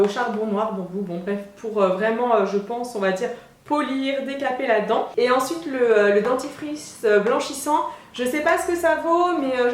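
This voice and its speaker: A young woman beauty vlogger chatting excitedly through a product unboxing, with lots of hesitations. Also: on the high side. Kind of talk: casual product unboxing chat. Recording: echoey room.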